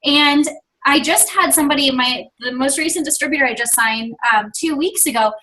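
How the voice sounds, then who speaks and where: High-pitched woman, top-rank distributor, chatty pep talk over video call. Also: a little fast, pushed and bright, low-quality recording. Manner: chatty storytelling, quotes others in their voices. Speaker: guest speaker, top-ranking distributor.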